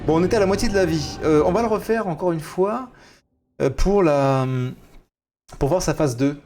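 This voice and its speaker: A French man casually commenting on a video game he is streaming, chatty and excitable. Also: a little high, normal speed, slight background noise. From France. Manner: chatty, excitable, swears at setbacks.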